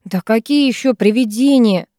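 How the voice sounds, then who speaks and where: A woman's voice: on the high side, moderate pace, mellow, no room sound, clean studio sound, close to an everyday voice. A woman reading an audiobook, voicing a skeptical, irritable teenage boy who scoffs and dismisses.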